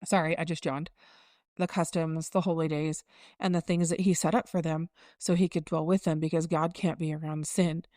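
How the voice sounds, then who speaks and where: A woman's voice: low-pitched, level tone, normal speed, a little mellow, no echo, studio quality. A woman in her forties co-hosting a casual faith podcast, reflective and explaining things in a teaching tone. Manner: reflective, circling back, teaching tone. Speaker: podcast co-host.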